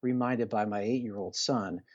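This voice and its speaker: With a fairly low pitch and darkish tone, a middle-aged man speaks at a moderate pace while the highs are cut off. Guesting on a podcast as a coach, he's earnest, emphatic and conversational, leaning on repetition and rhetorical questions to motivate.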